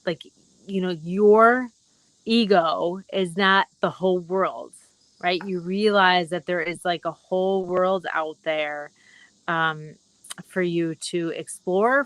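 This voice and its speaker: A middle-aged woman hosting a casual live wellness broadcast, speaking gently and rambling with many fillers. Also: lowish voice, dry recording, low-quality recording. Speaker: wellness talk host.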